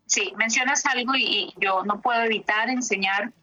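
Bright-voiced woman therapist telling cases. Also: on the high side, muffled recording. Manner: reflective, with pauses and fillers. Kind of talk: telling case stories in an interview.

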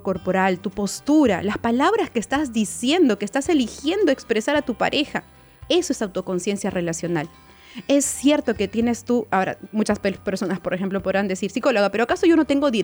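Woman psychologist, mid-pitched voice, coaching advice talk, faint music bed. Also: a little mellow. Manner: coaching, repeats words, asks listeners for agreement.

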